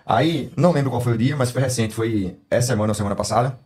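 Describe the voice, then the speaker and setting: Animated Brazilian man telling stories. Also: medium pitch, fast talker, breathy edge. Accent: Brazilian Portuguese. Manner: animated storyteller, laughs often, mimics his daughter. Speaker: podcast co-host. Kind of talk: casual chat.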